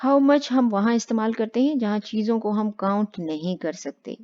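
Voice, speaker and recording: A woman teaching spoken English step by step, patient and slow on the English examples. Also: medium pitch, dark tone. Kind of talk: explaining spoken English lesson. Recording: dull lo-fi sound.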